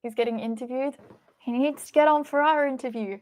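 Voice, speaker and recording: Reading and responding to viewers on her livestream, this Australian woman chats informally in a high, darkish voice at a slightly fast pace. The recording quality is low.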